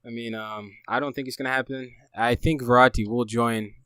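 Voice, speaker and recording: A man co-hosting a football podcast, talking casually and excitably, stumbling over restarts and laughing often. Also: mid-range voice, a little fast, clean tone, no echo. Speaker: podcast co-host.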